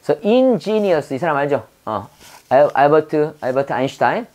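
Her voice is notably low and darkish, with big pitch swings, as this English teacher from South Korea runs a wordplay-based vocab lesson. Between long, syllable-by-syllable repetitions of English words, she keeps quizzing her audience.

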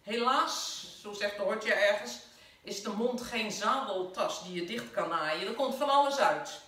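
A woman with a Dutch accent, a spiritual caregiver giving a gentle, conversational sermon from home. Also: medium pitch, unhurried, far from the mic. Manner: gentle, conversational preaching with fillers. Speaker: spiritual caregiver leading a service. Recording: very echoey room, voice off-mic.

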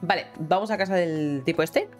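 This gaming streamer, a woman with a Spain Spanish accent, has a fairly low voice at a normal speed. Her casual commentary is talkative, exclamatory, and sprinkled with swearing, and game music plays faintly in the background.

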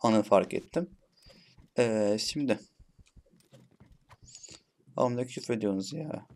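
Speaking at a measured pace with a voice on the low side, a young male gaming YouTuber chats his way through casual gameplay commentary. He throws playful curses at the bots and raises his voice to a shout when frustrated.

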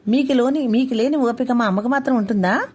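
A woman's voice: a little high, fairly quick, husky, voice pushed up. Woman reading as an angry young working mother. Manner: sharp, indignant retorts.

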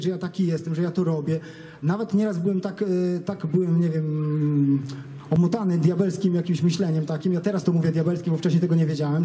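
A man giving an earnest, halting personal testimony to an audience, with many restarts, nervous before the crowd. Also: sits high, warm tone, slight background noise. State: nervous, stage fright.

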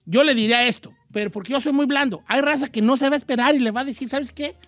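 A man's voice: very high voice, racing, fairly bright tone, no echo, soft background music. A middle-aged man with a Mexican Spanish accent, hosting a casual radio advice chat in a slangy, rambling, self-mocking way. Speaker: radio host.

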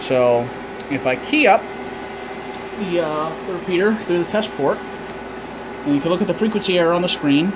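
A man's high-pitched, animated voice moves at a moderate pace with frequent pauses as he tours his amateur radio equipment hands-on, explaining and thinking aloud casually. The small indoor room holds radio racks, he records on a handheld camera or phone, and loud fan and ventilation noise runs throughout.

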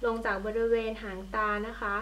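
A woman's voice: moderate pace, highs cut off. A young woman, a beauty vlogger at home, chatting casually while she walks through a makeup tutorial. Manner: chatty, friendly, talks while applying makeup. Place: at home by a window in natural light. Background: passing trains.

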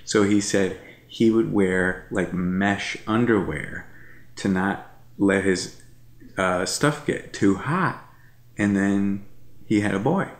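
Sitting on the couch in his living room at night, this thirty-something vlogger talks in a loose, rambling way, circling back on points and filling gaps with fillers. He speaks slowly in a fairly low voice, and the recording has a roomy sound.

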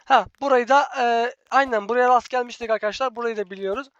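A chatty gaming host with a very high voice, talking fast and jumping from calm narration to startled shouts. He keeps calling out to his viewers as friends. The sound is dry and a bit muffled, like a cheap home microphone. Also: clear, resonant tone, no echo. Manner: chatty, excitable, constantly addressing viewers as friends. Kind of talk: let's-play gameplay commentary.

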